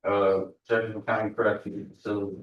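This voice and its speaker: A man in his twenties testifies with very monotone, lowish speech and deferential, clipped answers. The audio is dull, echoey and distant, as in a courtroom. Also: fast. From Texas, United States. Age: 20s. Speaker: defendant testifying as witness. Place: indoor courtroom.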